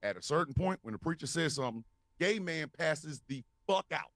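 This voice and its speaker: A man's voice: on the high side, fairly quick, dry recording. A man co-hosting a podcast, telling a wild story with lots of swearing and laughter. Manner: animated, profane, laughing storyteller. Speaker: podcast co-host. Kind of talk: casual storytelling.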